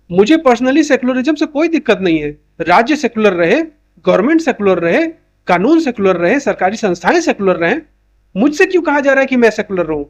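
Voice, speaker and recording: A man giving an opinion monologue to camera, insistent and full of rhetorical questions. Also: high voice. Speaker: YouTube commentator.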